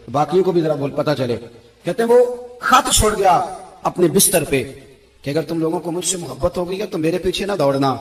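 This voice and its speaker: A man preaching an emotional sermon, telling stories dramatically and swinging between loud exclamations and hushed narration. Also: on the high side, reverberant. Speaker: Islamic preacher.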